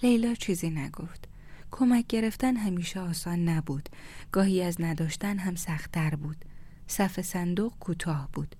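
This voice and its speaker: Calm, dark-voiced woman storyteller. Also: on the low side. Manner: calm, measured, often near a whisper. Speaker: narrator. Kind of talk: storybook reading.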